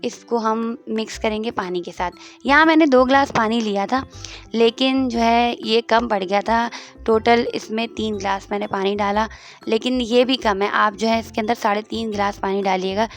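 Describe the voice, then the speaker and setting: A woman's voice: on the high side, moderate pace, soft background music. A woman hosting her own cooking channel, walking through a home recipe step by step and repeating instructions as she stirs. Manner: homely, repetitive step-by-step instructions.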